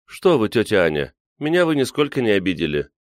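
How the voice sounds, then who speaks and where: A man reading an audiobook, voicing a gentle, quietly proud young woman. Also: lowish voice, sing-song, a little fast, no room sound, studio quality, voice pushed up. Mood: mild.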